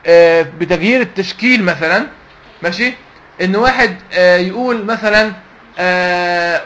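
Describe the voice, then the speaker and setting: High-voiced Egyptian sheikh quizzing a class. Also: male voice, fairly bright tone. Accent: Egyptian Arabic. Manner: quizzes the class with repeated questions, call and response. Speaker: sheikh teaching Quran recitation. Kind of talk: classroom lesson to young students.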